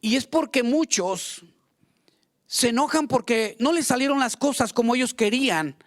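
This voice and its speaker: A man's voice: extremely high pitch, animated, moderate pace. A man preaching a fervent sermon as pastor, acting out quoted prayers and complaints.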